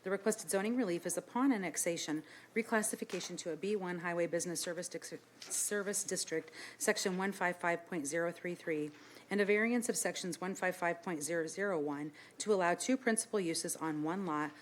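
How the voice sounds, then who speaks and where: A woman with a slightly low voice reads formal meeting business as the chair. Her delivery is brisk and businesslike, moving steadily through procedure. Some room noise sits behind her. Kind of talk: formal reading of agenda and procedure. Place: indoor council meeting room.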